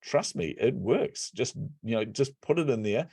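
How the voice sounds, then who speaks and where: A man telling stories as a podcast guest and business coach, energetic and laughing often. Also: mid-range voice, unhurried, husky, no echo. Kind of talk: casual interview chat.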